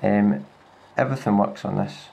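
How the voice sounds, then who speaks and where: Seated at a wooden table indoors, a Scottish tech reviewer demonstrates a laptop hands-on while a handheld camera films the screen. His lowish voice carries vocal fry, his pace is moderate, and his relaxed talk is peppered with fillers and restarts.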